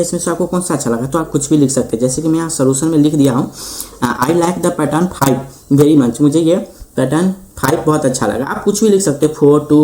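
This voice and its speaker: A man teaching a school maths lesson, reading lines slowly and explaining each one. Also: on the high side, mellow. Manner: repeats "ठीक है" often, reads English lines slowly then explains. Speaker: tutor; host of the channel.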